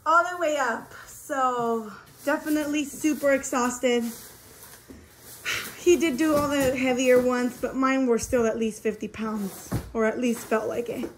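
A young mother chats to her camera in a high, light voice. She rambles and giggles, full of little fillers, in an easy, casual way at home. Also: fairly even intonation, a little slow, slight background noise, low-quality recording. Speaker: vlogger and mother. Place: home during a move, indoors.

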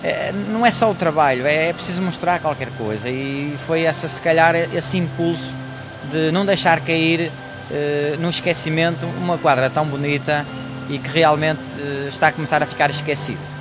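A man's voice: fairly high pitch, moderate pace, over music. A middle-aged man with a northern Portuguese accent answering interview questions, hesitant, with many fillers and restarts. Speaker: company director.

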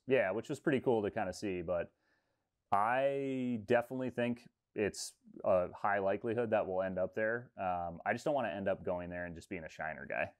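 A man in his thirties, a fishing guide, talking casually on a video call with lots of fillers. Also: sits low. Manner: relaxed, rambling, many fillers. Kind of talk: casual interview talk. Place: room with textured ceiling. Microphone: video call webcam.

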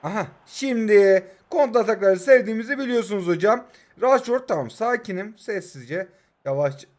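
Chatty young man, high voice. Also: brisk, darkish tone. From Turkey. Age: 20s. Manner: chatty, keeps saying hocam, flares up at the referee. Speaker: mobile football gamer and streamer. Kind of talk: casual gameplay commentary.

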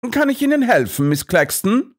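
A man's voice: high voice, sing-song, moderate pace, voice pushed up. A man voicing a self-assured male master detective who lectures and explains triumphantly. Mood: lecturing.

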